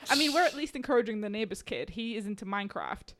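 A woman in her twenties from Slovakia chatting casually, animated and excitable, laughing often. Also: medium pitch, fast. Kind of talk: casual chat.

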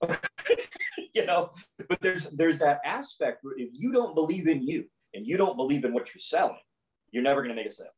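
A man's voice: a little high, animated, a little fast, rough recording. A man who is a podcast guest and sales coach, making his points emphatically in a conversational interview and often repeating phrases for effect.

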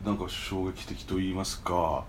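A man interviewing a guest, halting and searching for words, with many fillers. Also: deep voice, level tone, slight background noise. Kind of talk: conversational interview.

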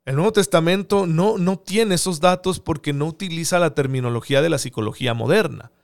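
A man's voice: fairly high pitch, fairly quick, creaky. A man giving an earnest theological teaching talk, often asking rhetorical questions. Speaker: preacher.

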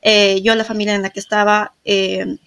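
A woman's voice: mid-range voice, little pitch movement, normal speed, creaky, a bit bright. Earnest woman telling her own story. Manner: earnest, candid, with frequent fillers. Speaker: podcast host. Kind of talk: emotional personal storytelling.

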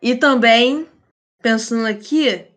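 A Brazilian woman chats casually about sports on a podcast. Her pitch is somewhat high. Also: slow, a bit bright.

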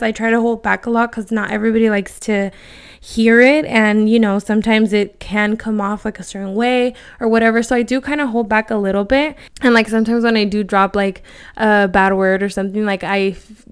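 A woman's voice: mid-range voice, smooth. A woman in her thirties hosting a casual solo podcast, chatting loosely with many "like" fillers and dropping Spanish words. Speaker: podcast host.

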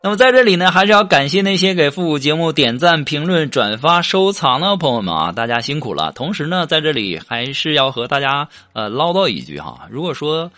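Lively man telling jokes. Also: a little high, fairly quick, hardly any pauses. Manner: animated, swings between quiet asides and loud punchlines. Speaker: host of a joke show. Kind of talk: comedic joke storytelling.

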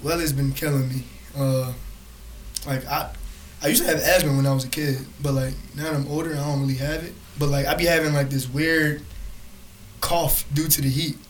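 A man's voice: a little high, fairly even intonation, normal speed, slight background noise, low-quality recording. A young man co-hosting a podcast in casual, slangy bro talk, peppered with "bro" and "like". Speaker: podcast co-host. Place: studio.

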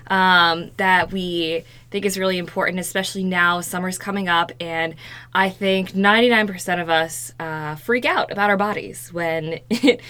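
A woman's voice: lowish voice, a bit bright. A young adult woman co-hosting a podcast, chatting earnestly and laughing easily. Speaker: podcast co-host. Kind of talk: casual chat.

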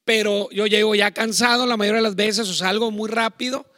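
Loud, bright-voiced Mexican preacher man. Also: sits high, fairly even intonation, brisk, no echo, studio quality. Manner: loud, self-admittedly talks shouting; chatty, digressive preaching with asides. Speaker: pastor. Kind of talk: sermon on marriage to online viewers.

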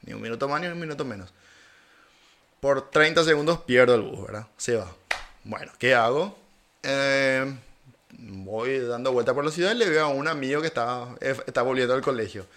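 A man's voice: medium pitch, moderate pace. Man telling anecdotes as a podcast guest. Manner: animated storyteller, laughs often. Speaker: guest, German teacher. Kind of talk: casual conversation, anecdotes.

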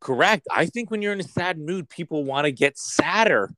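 In a noisy setting, an animated podcast co-host with a fairly high pitch jokes through a casual chat at normal speed. He playfully switches into a fake commercial-announcer voice.

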